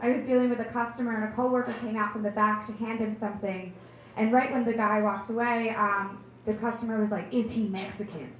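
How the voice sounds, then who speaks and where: A woman's voice: on the high side, fairly quick. Self-deprecating woman comic in an echoey club. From New Jersey. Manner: deadpan self-deprecating delivery. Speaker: stand-up comedian. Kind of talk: stand-up comedy set. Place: comedy club stage. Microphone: handheld stage mic. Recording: echoey club room with noise. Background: audience laughter.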